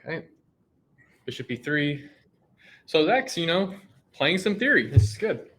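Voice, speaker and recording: A man's voice: a little high, sing-song, unhurried, fairly bright tone, slightly rough, poor audio. A man commentating a chess game live, thinking aloud and often restarting his sentences.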